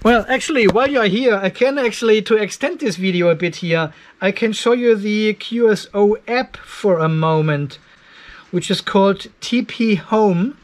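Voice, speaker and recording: In a cluttered indoor garage workshop, the older host of an off-grid battery testing channel walks viewers through a hands-on demonstration. His voice is noticeably high and his pace normal, and he chats informally, thinking aloud as he checks readings.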